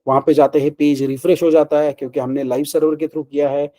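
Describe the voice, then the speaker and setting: A man's voice: fairly high pitch, little pitch movement, quick pace, mellow, rough recording. A man teaching web development in a conversational way, asking questions and then answering them himself, with frequent check-in words. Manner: mixes Hindi and English, asks and answers his own questions; conversational, frequent fillers like "ठीक है" and "ना". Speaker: programming instructor. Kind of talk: screen-recorded coding lesson.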